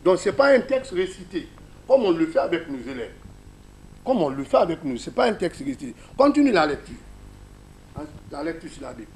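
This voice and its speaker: A man's voice: on the high side, big pitch swings, brisk, darkish tone, slightly rough. A man with a Guinean French accent teaching a class, explaining a reading method step by step and asking his listeners questions.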